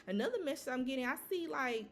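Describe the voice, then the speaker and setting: Casual tarot-reading woman, higher voice. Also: lively intonation, fast, slight background noise. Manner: loose, repetitive, sprinkled with "you know" and swearing. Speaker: tarot reader.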